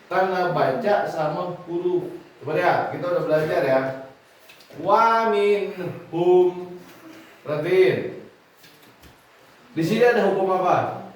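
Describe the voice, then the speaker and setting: A man teaching children to read Quranic script, speaking, slow and questioning as he drills the class. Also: on the high side. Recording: echoey room, mic far off, faint noise.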